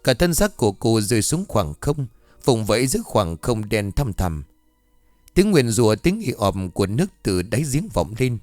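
A man narrating a scripted ghost story with a dramatic, expressive reading. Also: lowish voice, moderate pace, no echo. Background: faint music.

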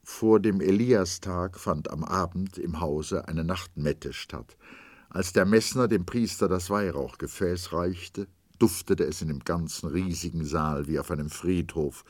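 A man narrating a literary story as an audiobook, reading expressively and dramatically, dropping to a hush at times. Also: low-pitched, measured pace, no room sound.

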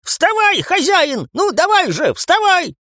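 A man's voice: huge pitch swings, slow pace, sharp tone, no room sound, clean studio sound, full character voice. A man voicing a frantic old male bathhouse spirit in an audiobook. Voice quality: shrill old man's voice. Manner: frantic, pleading.

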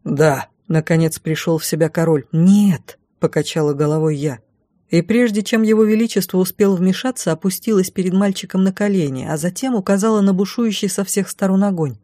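A woman narrating a first-person fantasy audiobook in a measured, calm way. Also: on the low side, no room sound, clean studio sound.

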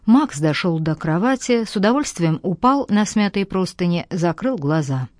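This is scripted audiobook narration by a woman whose fairly low voice tells the story in a measured, even way. The studio-quality recording carries no room sound.

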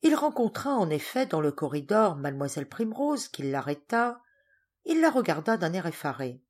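A woman reading a classic novel aloud as an audiobook narrator, measured storytelling. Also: on the low side, sing-song, a little mellow. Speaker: audiobook reader.

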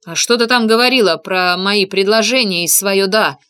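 A woman's voice: mid-range voice, moderate pace, fairly bright tone, smooth, lightly acted. Woman reading as a grumpy lanky male detective. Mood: mocking. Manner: indignant, scolding. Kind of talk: audiobook character reading.

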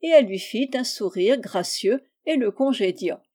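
Mellow-voiced woman reading a fairy tale. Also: on the high side, lively intonation, moderate pace. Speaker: storyteller. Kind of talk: read fairy tale narration.

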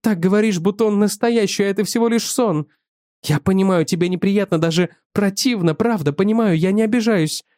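A sulky young wife who turns defensive and pleading in a quarrel with her husband, as a male narrator raises his voice to play her. The voice sits high and quick. It is an audiobook reading with a dry, close sound. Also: a little mellow, dry recording, lightly acted. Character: young adult wife, sleepy then irritated.

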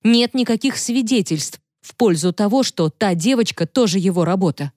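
A woman reading the lines of a worried mother in an audiobook, quiet and pleading. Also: mid-range voice, lively intonation, moderate pace, no echo, clean studio sound, voice pushed up, close to an everyday voice. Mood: anxious. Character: worried mother of an accused man.

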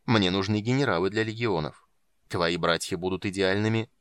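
A frail, sinister old archmage, as a male reader puts him on, speaking low and soft with quiet menace. His deep voice sits close and dry, with no room around it, like an audiobook character reading. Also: normal speed, clear, resonant tone, no echo, close to an everyday voice.

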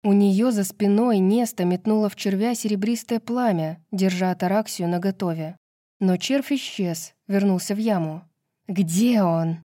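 A woman narrating a fantasy novel in an even, measured reading. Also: mid-range voice, dry recording, studio quality. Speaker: audiobook narrator. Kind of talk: scripted narration.

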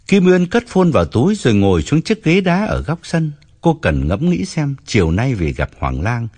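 Husky male audiobook narrator. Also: on the low side. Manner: expressive storytelling.

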